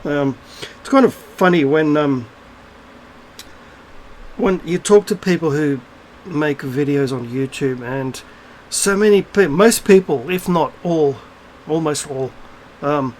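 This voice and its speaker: A middle-aged man with a slightly high voice rants straight to camera in a loose, unscripted monologue. He is blunt and swears freely, wandering through thoughts with plenty of ums and restarts. A faint hiss sits under the recording. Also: takes it slowly, poor audio. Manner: blunt, profane, rambling with many fillers and restarts. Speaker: video blogger.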